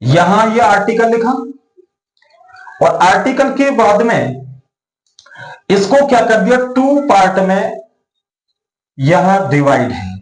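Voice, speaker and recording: A man's voice: sits high, very animated, slow, long pauses. A male English teacher with a Hindi accent, explaining pronunciation rules in a repetitive, questioning classroom style. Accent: Indian, Hindi-speaking. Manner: repetitive, questioning, addresses students as beta. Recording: echoey room.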